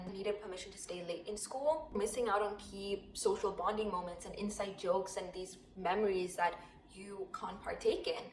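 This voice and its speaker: A woman's voice: mid-range voice, darkish tone, slight background noise. A young woman from Zimbabwe telling her personal story in a casual, reflective vlog, with frequent fillers. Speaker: vlogger. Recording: echoey room with faint ambience.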